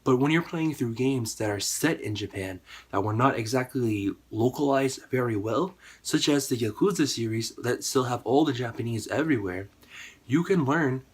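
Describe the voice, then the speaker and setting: His voice is husky and partly gone from a cold, yet this American YouTuber keeps a lively intonation at a normal speed in the mid range. He talks to the camera casually, wandering through his thoughts with lots of fillers.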